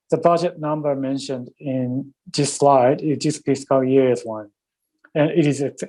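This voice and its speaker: A man presents slides in a measured, careful way, often stopping to correct himself. His voice is dark and mellow, at an ordinary pitch for a man. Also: low-quality recording. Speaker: presenter from a Japanese ministry. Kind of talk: formal webinar presentation.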